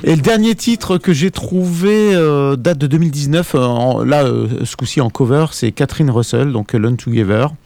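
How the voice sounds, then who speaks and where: A man presenting a relaxed, conversational radio music segment as columnist. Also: medium pitch, moderate pace, few pauses. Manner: relaxed, conversational, ends phrases with tag words. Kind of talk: radio music segment, casual studio chat.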